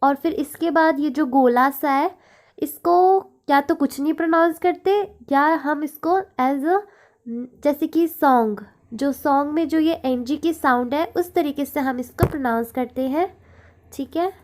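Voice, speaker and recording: A woman's voice: high voice, a little slow, a little mellow. A woman teaching the sounds of a foreign alphabet step by step, repeating each sound and giving simple example words. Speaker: language teacher. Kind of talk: slow, step-by-step language lesson.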